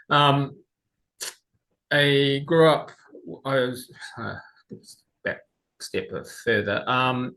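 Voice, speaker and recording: Halting low-voiced Kiwi man. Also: fairly bright tone, low-quality recording. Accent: New Zealand. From New Zealand. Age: 40s. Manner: halting, with many pauses and fillers. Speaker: interview guest. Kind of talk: remote interview.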